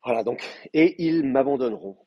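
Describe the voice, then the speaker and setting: Husky male teacher in a muffled classroom. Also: medium pitch, normal speed, no room sound. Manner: hesitant, many fillers and restarts while explaining. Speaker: Hebrew teacher. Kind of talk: classroom lecture. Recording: muffled, dry classroom recording.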